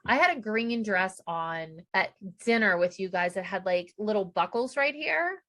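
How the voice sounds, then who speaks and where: A middle-aged woman co-hosting a podcast, chatting casually and acting out quotes with quick reactions. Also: medium pitch, expressive, a bit bright. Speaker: podcast co-host. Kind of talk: casual chat recapping a reality show.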